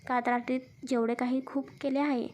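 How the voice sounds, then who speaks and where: A woman reading a young newlywed husband, curt and quick to scold his friends yet protective of his wife. The voice stays high and close to the reader's own, in a plain storybook telling. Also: flat delivery, darkish tone, a little hiss or hum, natural voice. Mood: brusque.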